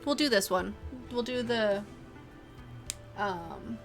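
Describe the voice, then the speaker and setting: A woman's voice: medium pitch, expressive, slow pace, a bit bright, faint music behind. Woman streamer reading game text aloud. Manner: casual, reads aloud with fillers.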